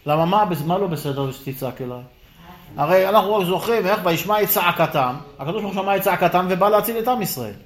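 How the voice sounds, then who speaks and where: A man teaching a lively Torah class, firing rhetorical questions and acting out the dialogue. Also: high voice, few pauses.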